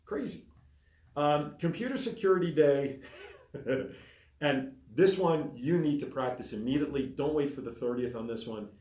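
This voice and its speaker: Recorded in a small, echoey studio, a man co-hosts a casual talk show, running through a list of topics in a lively way. He speaks at normal speed with a slightly high voice.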